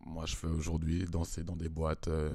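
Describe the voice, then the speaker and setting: Very deep, flat-voiced relaxed man. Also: moderate pace, vocal fry, no echo, clean studio sound. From Congo, raised in Switzerland. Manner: relaxed, laughs often, hesitant fillers. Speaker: guest, dancer and choreographer. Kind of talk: casual interview conversation.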